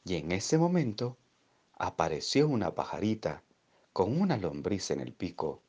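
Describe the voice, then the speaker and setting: A man reading a children's story aloud in an expressive, drawn-out storytelling way. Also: sits low, slightly rough, lo-fi sound.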